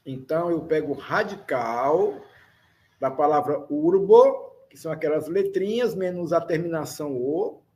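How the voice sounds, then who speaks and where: A man with a Brazilian Portuguese accent teaching a language lesson, explaining slowly and repeating words and spelled-out letters for learners. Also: high-pitched, a little mellow. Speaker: Esperanto teacher. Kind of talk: slow, deliberate classroom explanation.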